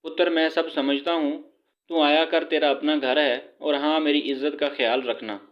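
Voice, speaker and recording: A man voicing a stern, protective middle-aged father who speaks gruffly and gives commands. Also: fairly high pitch, fairly even intonation, highs cut off, natural voice.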